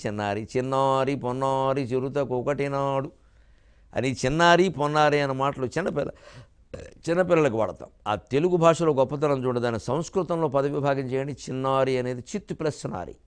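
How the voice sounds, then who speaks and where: An older man giving a televised spiritual discourse, reciting verses in a slow drawn-out chant and rising sharply in pitch for emphasis. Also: lively intonation, clean tone. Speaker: spiritual lecturer.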